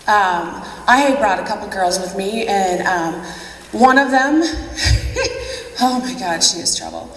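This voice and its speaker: A woman's voice: mid-range voice, fairly bright tone. A woman giving a chatty motivational speech at a convention. She laughs often and acts out what other people said. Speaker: convention speaker. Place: large convention hall. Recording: echoey hall from a distant mic.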